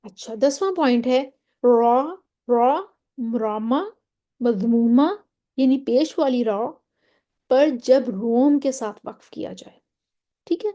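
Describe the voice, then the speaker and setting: A woman's voice: on the high side, mellow, muffled recording. A woman teaching a Quran recitation lesson, explaining step by step and often checking that her listeners follow. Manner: draws out Quranic example words slowly.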